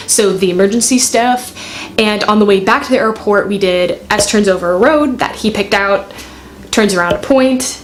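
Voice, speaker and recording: Casting: woman, twenties, mid-pitched, candid and self-deprecating, casual chatty storytelling to camera. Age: 20s. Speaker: student pilot vlogger. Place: bedroom, indoors.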